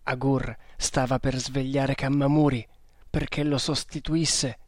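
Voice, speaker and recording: Slow, deliberate male storybook narrator. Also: medium pitch, level tone, no room sound. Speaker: audiobook narrator.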